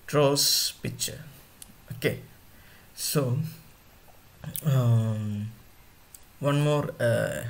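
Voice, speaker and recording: A male teacher giving an online class, talking to his students directly and repeating points often. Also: medium pitch. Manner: slow, repetitive, addresses students directly.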